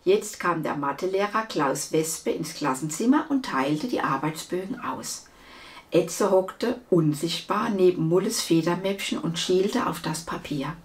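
A woman reading a children's book aloud, with lively, expressive storytelling. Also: lowish voice, measured pace. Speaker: storybook reader.

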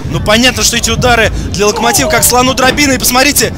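A man working as a wrestling commentator, calling each move live in an excited, exclamatory way. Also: very high-pitched, very fast. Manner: exclamatory, narrates moves as they happen. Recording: loud crowd and music at outdoor event.

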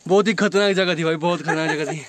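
A young man with a slightly high voice, out of breath and uneasy, telling viewers about a cave he has just crawled out of. He talks casually into a handheld phone camera on an open hillside. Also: steady tone, quick pace, crowd noise. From India. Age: young adult. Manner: nervous, hesitant, addresses viewers as brother. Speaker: vlogger. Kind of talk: casual outdoor vlog. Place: hillside and inside a rock cave.

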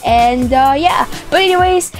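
A young woman with a high, unhurried voice hosts a playful gameplay video, exclaiming, giggling, and often repeating phrases. She's in a small indoor room full of plush toys, with music playing behind her.

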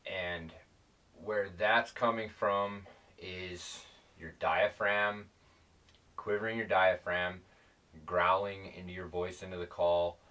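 Low-voiced man explaining, mic at a distance. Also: steady tone, takes it slowly, sharp tone. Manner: rambling, plain-spoken, self-correcting. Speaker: predator calling instructor. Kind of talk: casual instructional talk.

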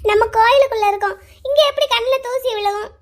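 A woman voicing a soft-hearted young woman in a cartoon who sounds earnest and close to tears. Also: extremely high pitch, fast talker. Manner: earnest, pleading, tearful. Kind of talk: cartoon voice acting.

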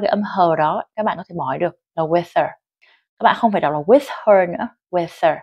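A woman's voice: mid-range voice, darkish tone, no room sound. Vietnamese woman teaching English dictation. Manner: reads English sentences slowly and clearly, then explains in Vietnamese. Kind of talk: online listening dictation lesson.

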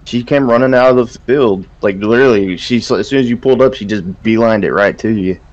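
A man's voice: medium pitch, a little fast, lo-fi sound. A man chatting casually as a fellow player during a game roleplay, easygoing and teasing. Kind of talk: casual gaming chat.

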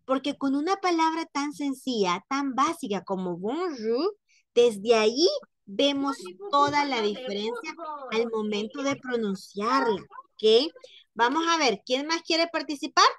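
A woman teaching a French class to Spanish-speaking students over a video call, patient, slowly repeating words and explaining pronunciation. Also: high-pitched, animated, a bit bright.

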